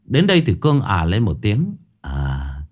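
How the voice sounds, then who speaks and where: A man narrating a ghost story in an expressive, dramatic reading style. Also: medium pitch, brisk.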